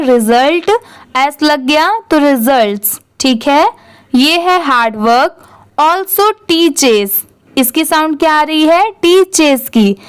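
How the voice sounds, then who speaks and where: A woman teaching English reading, spelling words letter by letter, asking questions and answering them herself. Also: sits high. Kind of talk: classroom-style phonics lesson.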